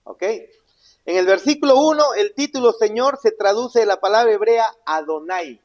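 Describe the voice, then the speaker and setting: A man preaches to his congregation in a voice set a little high for a man. He builds to loud, emphatic questions, then drops to hushed, low asides, and often answers his own questions. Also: normal speed. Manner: asks the congregation questions and answers them himself. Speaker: pastor. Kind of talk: sermon Bible teaching.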